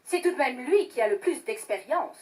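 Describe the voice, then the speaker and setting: An actress playing a proud, quarrelsome village wife in an audio drama, haughty and bickering. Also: female voice, high voice, expressive, moderate pace, darkish tone.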